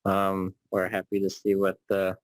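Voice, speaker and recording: A man's voice: low voice, monotone, measured pace, dry recording. A man on a school board asking questions, hesitant with frequent ums. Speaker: board member. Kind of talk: meeting discussion.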